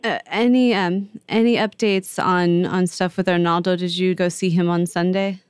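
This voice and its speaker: A woman host and reporter narrating a documentary podcast and interviewing in a measured, reflective way. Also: fairly low pitch, steady tone, smooth, no room sound.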